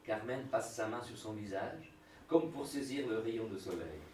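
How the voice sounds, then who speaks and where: A man's voice: medium pitch, normal speed, darkish tone. Echoey male narrator of stage directions. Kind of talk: scripted narration. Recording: echoey room, distant mic, faint noise.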